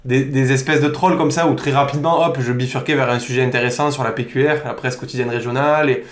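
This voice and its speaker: A man from Provence with a Provençal accent, a podcast guest telling stories in an animated, informal, slangy way. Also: medium pitch, quick pace. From Provence, southern France. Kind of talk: casual podcast conversation. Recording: roomy echo.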